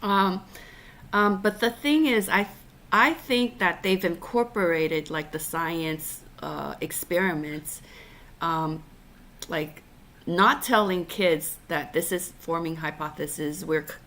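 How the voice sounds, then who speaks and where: A Taiwanese woman hosts a relaxed podcast chat over a video call, speaking in halting bursts packed with fillers and restarts. Her voice sits lowish with a slight brightness.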